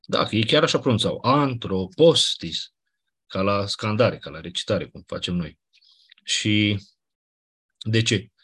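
A man teaches a grammar lesson, explaining step by step with casual asides. His voice sits a little low and has a husky, breathy edge. He keeps checking in with his class as he goes. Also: long pauses, fairly bright tone. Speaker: Greek teacher. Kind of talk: classroom lecture on Ancient Greek grammar.

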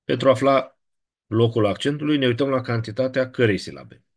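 A man with a Romanian accent teaching a Latin class, explaining in a measured way and often checking in with the students. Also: mid-range voice. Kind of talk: classroom lecture.

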